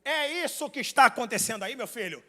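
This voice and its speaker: A man with a Brazilian Portuguese accent preaching a fiery Pentecostal sermon in a church, swinging from loud shouts to quiet asides. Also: very high voice, expressive, fast talker. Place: church hall. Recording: long hall reverb.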